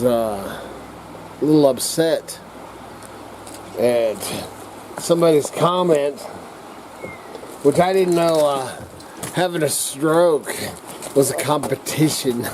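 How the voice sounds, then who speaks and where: A middle-aged or older man with slightly slurred speech, rambling casually to camera as a vlogger in a halting, folksy, coarse-mouthed redneck way. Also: mid-range voice, background noise. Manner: halting, drawn-out, searching for words.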